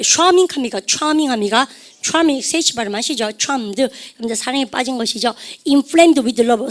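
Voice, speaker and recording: Lively woman English teacher lecturing. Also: high voice. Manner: lively, repeats "여러분들", asks the class questions; refers to herself as "쌤". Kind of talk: lecture to a class.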